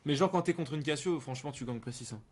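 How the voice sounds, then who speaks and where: A man's voice: fairly high pitch, fast, a little mellow. A man streaming a video game with casual, rambling commentary full of gamer slang and repetition. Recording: clear background noise.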